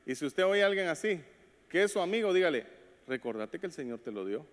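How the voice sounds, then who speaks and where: A man's voice: fairly high pitch, big pitch swings, fast. A man preaching a sermon as pastor, speaking to the congregation and acting out short quoted voices. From Latin America. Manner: preaches with acted quotes and call-outs to the congregation. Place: church sanctuary. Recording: long hall reverb.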